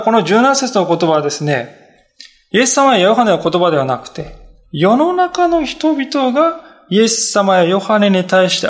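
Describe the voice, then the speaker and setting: Man, pastor, Sunday sermon, high voice, earnest emphatic delivery. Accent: Japanese. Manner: earnest preaching with frequent emphatic asides.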